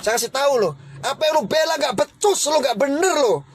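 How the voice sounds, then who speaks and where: Man with a very high voice, live-streamer, confrontational and scolding, ranting at critics. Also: animated, a little fast, a little hiss or hum. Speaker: livestream host. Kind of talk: heated livestream rant.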